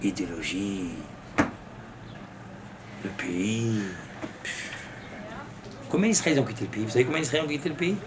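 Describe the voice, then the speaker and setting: A man's voice: lowish voice, moderate pace, long pauses, very noisy. A man, a rabbi, giving an impassioned sermon, breaking into fervent rhetorical questions and mixing in Hebrew terms. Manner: mixes Hebrew terms into his speech.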